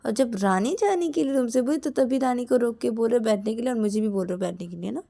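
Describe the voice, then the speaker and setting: A woman's voice: a little high, fairly even intonation, moderate pace, warm tone, pitched above the performer's own voice, lightly acted. A woman voicing Shreya, a bossy, suspicious young woman who scolds and demands answers. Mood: sharp, annoyed.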